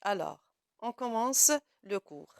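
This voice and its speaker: Slow, patient French teacher, woman. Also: mid-range voice, lively intonation, creaky, dry recording, clean studio sound. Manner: slow, deliberate, asks questions and answers them herself. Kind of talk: classroom grammar lesson.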